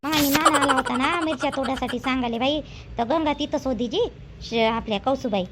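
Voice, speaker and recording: A middle-aged woman, gossiping and calling out loudly in a village comedy sketch. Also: high voice, fairly quick. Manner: calls out loudly, chatty gossiping. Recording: faint background noise.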